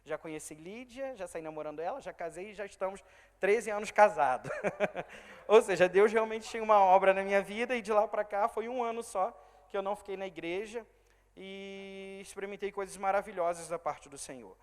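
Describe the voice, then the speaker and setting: A man in his thirties with a Brazilian accent from Rio de Janeiro state, preaching a testimony sermon and acting out the people he quotes, voice loud one moment and hushed the next. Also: high voice, moderate pace. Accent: Brazilian Portuguese, Rio de Janeiro state. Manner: storytelling, quoting others in swings of loud and soft. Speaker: church worker preaching. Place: church hall. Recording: reverberant church hall.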